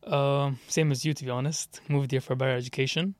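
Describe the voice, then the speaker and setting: A young man from Syria hosts a casual podcast, talking in a relaxed, joking way with his friend. His pitch is ordinary for a man. The recording is dry and close-miked. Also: fairly quick, no room sound. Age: young adult. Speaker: podcast host. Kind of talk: casual chat.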